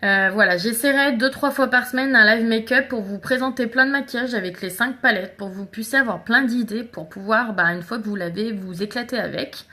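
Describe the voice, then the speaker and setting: A woman's voice: on the high side, brisk, few pauses, bright, forceful tone. A woman chatting casually through a live makeup tutorial, talking straight to her viewers. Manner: chatty, addresses viewers directly and greets commenters. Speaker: makeup seller doing a live stream.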